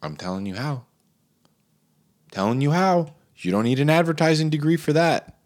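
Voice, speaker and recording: A man's voice: on the high side, animated, normal speed, darkish tone. A man ranting comically about an advertisement, incredulous and riffing with lots of fillers. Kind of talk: comedic rant.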